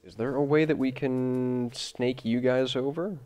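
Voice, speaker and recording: A man with a deep, gravelly voice, groggy from an early morning session, rambling through casual gameplay commentary and talking to the machines he builds. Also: fairly even intonation, a little slow, warm tone, slight background noise. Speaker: gameplay video host.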